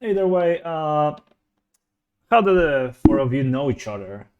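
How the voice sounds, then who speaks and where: A man's voice: a little high, big pitch swings, unhurried, clean tone, muffled recording. A man running a tabletop game over voice chat, talking in character with some hesitant fillers. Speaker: game master. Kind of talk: game master speaking as a character. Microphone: headset or desk mic over voice chat.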